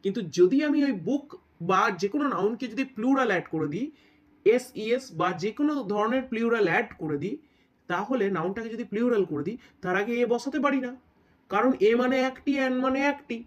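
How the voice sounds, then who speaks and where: A man's voice: very high-pitched, highs cut off. Man teaching a step-by-step grammar lesson. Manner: explains step by step, checks in with "right?"; reads English examples slowly.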